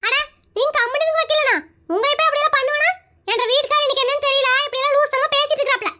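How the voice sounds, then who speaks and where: Squeaky-high, rapid, feisty wife, acted by a woman. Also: steady tone, pushed and bright. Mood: bickering. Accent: Kongu Tamil. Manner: scolding, threatening, bickering. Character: feisty wife seeking divorce, scolding her husband. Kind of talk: comedy skit acting.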